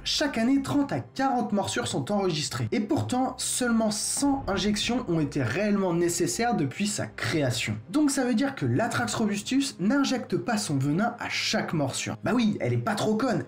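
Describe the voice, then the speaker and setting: Male explainer host, casual and wisecracking, very animated delivery, talks to camera. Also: high voice. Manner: joking, slangy, talks straight to viewers. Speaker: educational YouTuber.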